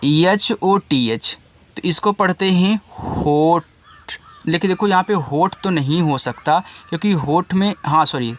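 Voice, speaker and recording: A man's voice: on the high side, normal speed, slight background noise. A man teaching reading step by step, patiently sounding out each word letter by letter and correcting himself when he slips. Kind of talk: step-by-step spelling lesson.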